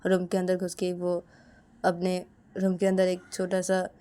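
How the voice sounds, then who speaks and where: A woman's voice: lowish voice, monotone, measured pace, warm tone. A woman narrating a story casually in plain, repetitive sentences. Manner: plain, repetitive, "to tabhi" links.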